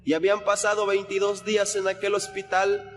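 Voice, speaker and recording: A man's voice: high voice, monotone, brisk, a little hiss or hum. A young man earnestly giving a spoken religious testimony, retelling events with repeated phrases. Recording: long hall reverb with faint music.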